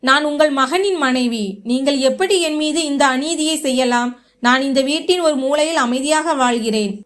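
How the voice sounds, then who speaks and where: A woman's voice: high-pitched, moderate pace, fairly bright tone. A woman voicing a sorrowful middle-aged widowed mother-in-law in a spoken story, pleading and tearful.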